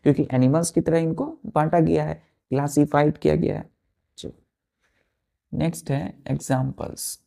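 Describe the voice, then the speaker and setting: A man teaching a science class who spells words out letter by letter and keeps asking the pupils if it is clear. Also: fairly high pitch, fairly even intonation, normal speed, warm tone. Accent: Indian English. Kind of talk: classroom lesson at a board.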